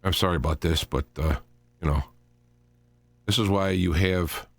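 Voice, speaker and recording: A deep, creaky male voice belongs to a solo talk radio host who talks off the cuff. His delivery is halting and rambling, with phrases often repeated or started over.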